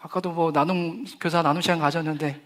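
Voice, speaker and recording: A middle-aged man preaching a sermon as pastor to young people, lively, with humor and acted quotes. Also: a little high, brisk.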